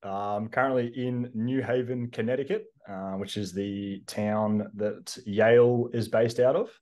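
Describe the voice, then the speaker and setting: A man's voice: lowish voice, measured pace. A young Australian man, a strength coach and podcast regular, chatting casually and easily with plenty of ums. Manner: relaxed, easygoing, with frequent ums.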